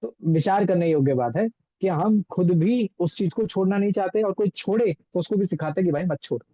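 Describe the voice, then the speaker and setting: High-voiced man teaching scripture. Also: moderate pace, mellow, dry recording, rough recording. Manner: explains with everyday examples and rhetorical questions. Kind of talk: explaining a scripture text in a lecture.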